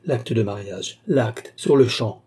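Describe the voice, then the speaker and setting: A frightened, indignant royal princess in an audiobook of a classic novel, as a male reader raises his voice for her. She exclaims anxiously, and the tone stays very dark and husky underneath. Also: medium pitch, brisk, close to an everyday voice. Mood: alarmed.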